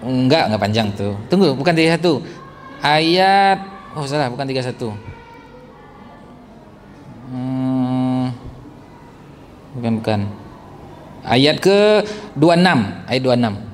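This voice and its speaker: A man's voice: mid-range voice, animated, takes it slowly, long pauses. A man preaching a religious family lecture to a live audience in a large hall, engaging the listeners with jokes and questions. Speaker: Islamic preacher. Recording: echoey hall with faint background noise.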